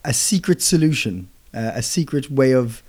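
A young man in the middle of the male pitch range chats his way through a podcast for English learners. He trips over his own words, corrects himself on the fly and laughs easily at his co-host. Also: expressive, normal speed, a little mellow, husky. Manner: rambling, self-correcting, laughs often. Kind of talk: casual chat explaining English phrases.

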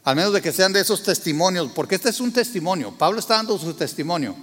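Man, pastor, sermon, quizzes the congregation, high-pitched, long hall reverb. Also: animated, fast talker, fairly bright tone. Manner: asks the congregation questions, acts out quotes.

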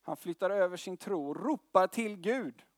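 Young male preacher, high voice, dry close sound, casual slangy sermon delivery. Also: dry recording. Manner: conversational preaching with slang and tag questions.

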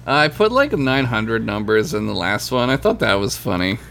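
A man's voice: fairly low pitch, very animated, moderate pace, gravelly, a bit bright. A man co-hosting a casual comedy podcast, joking and acting out mock quotes. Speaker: podcast co-host.

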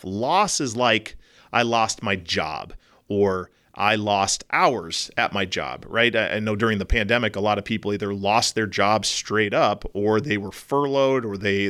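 A hoarse man with a cold, hosting a podcast in a rambling, self-joking monologue. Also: fairly bright tone. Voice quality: low husky baritone. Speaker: podcast host.

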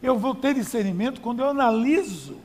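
A man's voice: very high voice, lively intonation, brisk, darkish tone, in a large hall. A male pastor preaching a sermon in a conversational style, with rhetorical questions and emphatic repetition.

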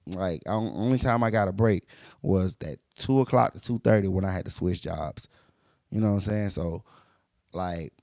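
A man's voice: lowish voice, creaky, dark tone, dry recording, clean studio sound. A young man from Mississippi, hosting a podcast and telling a personal story in a rambling, self-correcting way with emphatic repetitions. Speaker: podcast host. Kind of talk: casual storytelling monologue.

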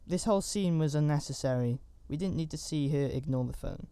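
A man's voice: a little high, fairly quick, dark tone, smooth, no room sound. A man giving a casual, rambling recap of a horror movie, with chatty asides and fillers. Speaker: film reviewer.

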